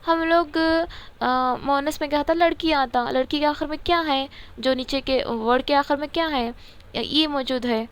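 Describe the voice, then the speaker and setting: A woman explaining a grammar textbook in a casual lesson, asking questions and answering them herself. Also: high-pitched. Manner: repeats words, asks and answers her own questions. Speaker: teacher.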